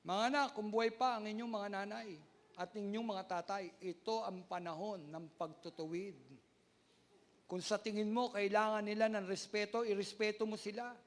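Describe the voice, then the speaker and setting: A man preaching a sermon as pastor, loud and near shouting, calling out to the congregation for amens. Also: steady tone, normal speed, a little hiss or hum. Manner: loud, often sounds like shouting; acts out quoted voices with big pitch jumps.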